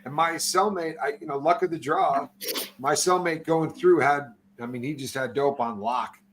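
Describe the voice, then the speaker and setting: Animated man telling prison stories. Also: fairly high pitch, normal speed, crowd noise. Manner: animated storyteller, acts out other people's lines. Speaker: podcast host. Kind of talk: casual storytelling chat.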